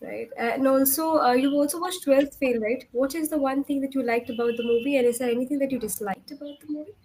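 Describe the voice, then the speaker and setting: A woman's voice: high-pitched, steady tone, quick pace, a little mellow, a little hiss or hum. A young woman from India with an Indian accent, teaching a one-on-one English lesson in an instructive way, often checking for understanding. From Kolkata, India. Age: young adult. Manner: instructive, frequent check questions. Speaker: English communication tutor.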